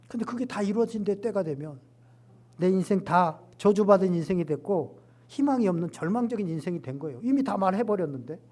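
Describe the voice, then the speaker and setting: Male pastor, middle-aged, sermon delivery; slightly raised pitch, lively, swings between hushed asides and emphatic peaks. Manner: animated, acts out quoted lines with rising emphasis.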